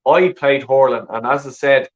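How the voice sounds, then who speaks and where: Chatting casually as he reads viewer comments, this Irish call-in host from Dublin rambles and swears, peppering his talk with "you know what I mean." He has a medium pitch and normal pace, and the sound is dull lo-fi.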